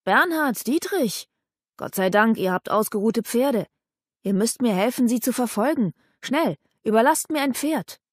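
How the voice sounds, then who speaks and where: Woman narrator doing an urgent young nobleman, shouting high and loud, dry close read. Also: animated, measured pace, breathy edge, no echo.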